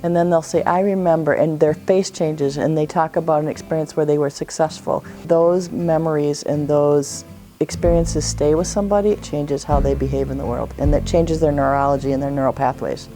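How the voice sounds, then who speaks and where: A woman's voice: low-pitched, fairly even intonation, moderate pace, dark tone, faint music behind. A woman therapist explaining her work with horses in an earnest, reflective way. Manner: earnest, reflective, storytelling with quoted dialogue. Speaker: equine therapist. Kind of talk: explanatory interview talk.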